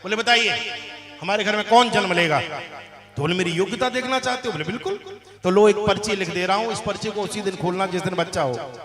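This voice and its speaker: A man's voice: high voice, fairly quick. A man preaching a storytelling sermon, animatedly acting out each character's lines. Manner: animated, acts out the characters' dialogue. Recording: echoey hall with faint music.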